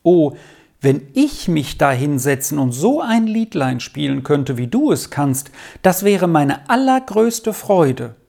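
A reader voicing a kind, gentle twelve-year-old girl in a storybook reading, speaking in a lifted, friendly tone. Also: mid-range voice, sing-song, slow pace, gravelly, exaggerated voice.

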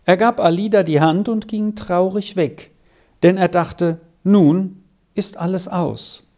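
An audiobook reader narrating a children's story in an expressive, storytelling way. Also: mid-range voice, slow.

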